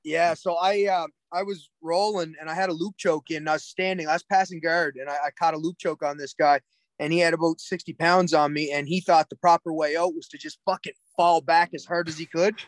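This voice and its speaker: A man's voice: fairly high pitch, fairly even intonation, brisk, dry recording. A man from Cape Breton with a Cape Breton accent, chatting casually and bluntly as a podcast guest, swearing freely. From Cape Breton Island, Nova Scotia, Canada. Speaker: podcast guest, jiu-jitsu coach. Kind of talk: casual chat.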